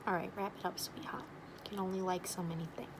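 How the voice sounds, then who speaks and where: A woman's voice: fairly low pitch, little pitch movement, quick pace, background noise, natural voice. A woman playing a blunt, nosy, wisecracking matchmaker in an ASMR role-play, with an overdone regional accent and teasing sales patter.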